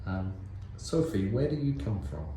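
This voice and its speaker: Male interviewer, very dark mellow tone, somewhat low pitch, heavy room echo, faint noise. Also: moderate pace. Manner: relaxed, filler-laden questions. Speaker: interviewer host. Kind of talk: interview questions. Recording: very echoey room.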